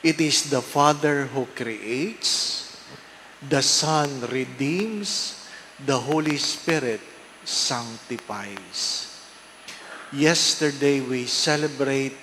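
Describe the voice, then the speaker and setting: A male priest with a Filipino accent, slowly and deliberately reading the Gospel and preaching a homily, heard in a cathedral echo. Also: medium pitch, pushed and bright. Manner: slow and deliberate, drawn-out phrasing. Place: large church. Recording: echoey church with long reverb and faint hiss.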